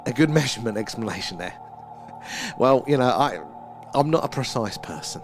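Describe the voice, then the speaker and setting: A man's voice: mid-range voice, expressive, moderate pace, over music. A man with an Essex accent hosting a casual livestream, rambling and self-deprecating as he answers viewers' comments. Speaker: livestream host. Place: small room at home.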